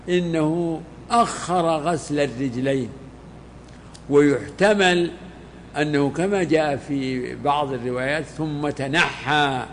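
An older man, a sheikh, explaining a classical text to students in unhurried, halting commentary. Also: fairly high pitch. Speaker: sheikh teaching a hadith text. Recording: hall reverb, faint background noise.

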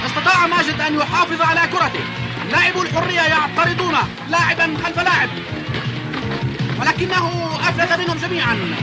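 A man's voice: extremely high pitch, brisk, poor audio. A man playing an urgent, suspenseful football commentator in a dubbed cartoon, giving dramatic play-by-play and repeated rhetorical questions. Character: excited male football match commentator. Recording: loud music under the voice.

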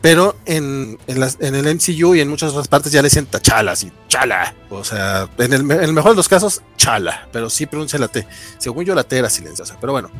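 A man's voice: mid-range voice, lively intonation, quick pace, soft background music. A man with a Mexican accent, chatting casually on a livestream about comics, full of fillers and restarts. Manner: rambling with many fillers. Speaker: comic book reviewer. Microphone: remote call with lag.

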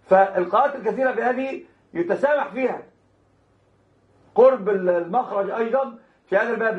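A man teaching Islamic law in a classroom lecture, repeating and restarting words and speaking straight to his students. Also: sits high. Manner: addresses students directly, chuckles now and then. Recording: roomy, dull lo-fi lecture recording.

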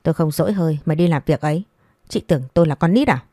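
A shrill, scornful old mother-in-law, sharp-tongued and quick to scold, as a woman storyteller puts her on. The voice sits low and dark, and the words come fast and cutting. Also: no room sound, clean studio sound.

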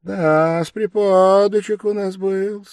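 A man's voice: high voice, fairly even intonation, slow pace, darkish tone, clear, resonant tone, no room sound, clean studio sound, pitched above the performer's own voice. A man voicing a sly, fussing middle-aged investigator in an audiobook, cooing and mocking. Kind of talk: audiobook character reading.

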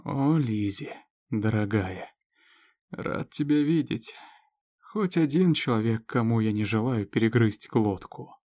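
A man's voice: mid-range voice, slow pace, a little mellow, no room sound, clean studio sound. Man doing a drunk sarcastic Bennet. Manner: hoarse, sluggish, sarcastic. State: drunk, groaning.

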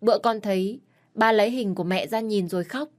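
A woman's voice: medium pitch, fairly quick, a little mellow, pitched above the performer's own voice, natural voice. A woman voicing a young boy who pleads through tears, in a storybook reading with faint music behind. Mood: pleading.

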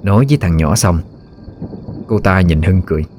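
A man narrating a ghost story in a steady, measured way. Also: low-pitched, background noise.

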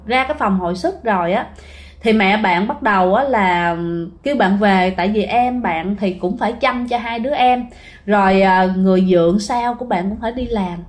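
A woman telling ghost stories in a chatty way, often speaking straight to her listeners. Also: mid-range voice. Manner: chatty, keeps addressing listeners directly. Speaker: ghost story narrator. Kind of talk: casual spoken storytelling.

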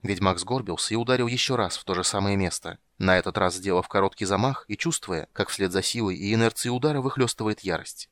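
A man reading a fantasy audiobook as narrator, in a steady, measured way. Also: fairly low pitch.

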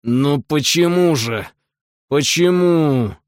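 A man's voice: a little high, no echo, studio quality, natural voice. A man reading as a whiny self-pitying husband. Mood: pleading. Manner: drawn-out nasal whining. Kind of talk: audiobook character reading.

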